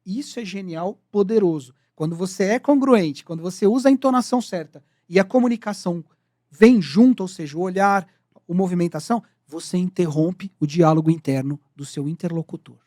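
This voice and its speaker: A man's voice: sits high, a little fast, dark tone, dry recording, clean studio sound. A man co-hosting a podcast, teaching sales communication in an explanatory, lecturing manner that defines terms step by step. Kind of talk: casual podcast discussion.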